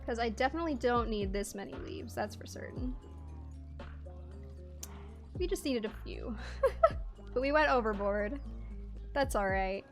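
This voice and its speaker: Chatty woman streamer, high voice. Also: a little slow, long pauses, faint music behind. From Canada. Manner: chatty, laughs often, reads chat aloud. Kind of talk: casual chat while gaming and reading chat.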